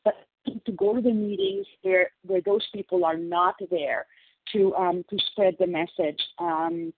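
A woman's voice: fairly low pitch, animated, a little slow. A woman sharing earnestly at a recovery phone meeting, her voice on a crackly phone line that fades in and out. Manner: earnest, explanatory, repeats key phrases. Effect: crackly phone line fading in and out. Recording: tinny dry phone line.

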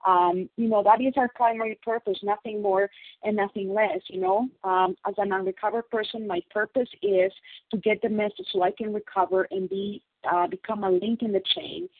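Woman, husky, earnest sharer at a recovery meeting, heard through a crackly cordless-style phone line that drops in and out. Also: mid-range voice, no room sound. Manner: earnest, explanatory, repeats key phrases. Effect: crackly phone line fading in and out. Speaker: meeting participant sharing. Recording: tinny dry phone line.

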